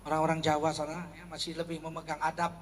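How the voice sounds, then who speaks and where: A man from North Sumatra giving a humorous Islamic lecture, animated and acting out everyday quarrels. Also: fairly high pitch, fast talker, big-room sound, a little hiss or hum. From North Sumatra, Indonesia. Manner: animated, acts out quarrels in a raised voice. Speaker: Islamic preacher.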